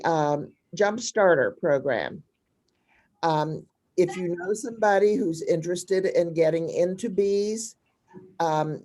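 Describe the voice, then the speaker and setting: Woman doing an informal club announcement, lowish voice, really slow. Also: dark tone. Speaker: club member giving announcements.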